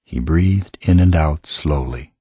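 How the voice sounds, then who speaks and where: A man narrating a fantasy audiobook in a calm, measured way, recorded in a studio. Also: a bass voice, breathy edge, no echo. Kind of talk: scripted narration.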